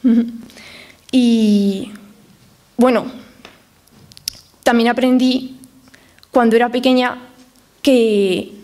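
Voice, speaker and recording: A young adult woman, a professional harpist with a Spain Spanish accent, giving a talk to families and explaining things with lively spoken examples. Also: a little high, drawn-out words, pauses often.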